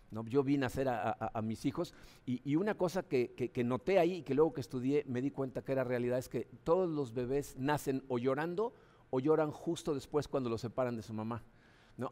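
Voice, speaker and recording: A man's voice: mid-range voice, warm tone. A man preaching a sermon in a conversational way, often asking his listeners questions and acting out quoted voices.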